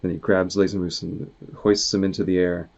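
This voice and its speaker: In a deep, creaky, darkish voice with flat delivery, a man quickly reads aloud a comic he wrote. He performs it like a storybook, acting out the lines and sound effects, on a muffled, dull lo-fi recording.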